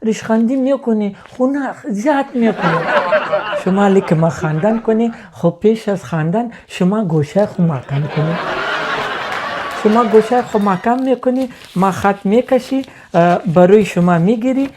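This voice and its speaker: A man's voice: high voice, close to an everyday voice. A man playing a touchy Pashtun man with a Pashto accent. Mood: insistent. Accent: Pashto-accented Dari. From Afghanistan. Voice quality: broken grammar. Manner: pleading, insistent, easily offended. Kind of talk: comedy sketch. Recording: noisy home recording.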